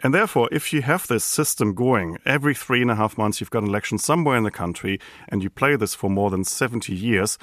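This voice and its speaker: A man from Germany with a German accent, a guest explaining the topic in a measured, lightly amused way. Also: on the low side, fairly bright tone, dry recording, studio quality. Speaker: think tank director, guest. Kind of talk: explanatory interview.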